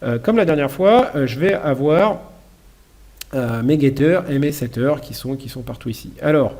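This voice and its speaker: A man's voice: mid-range voice, moderate pace, a little mellow. A man giving a casual programming lecture while demonstrating code, chatty and self-correcting with frequent apologies. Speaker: university lecturer. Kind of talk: live coding lecture.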